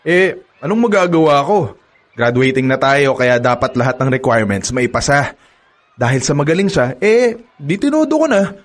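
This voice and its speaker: In a radio drama, an actor plays a cocky, boastful young male college student who uses women, laughing smugly as he brags. His young adult male voice is mid-range and sing-song at normal speed, close to an everyday voice.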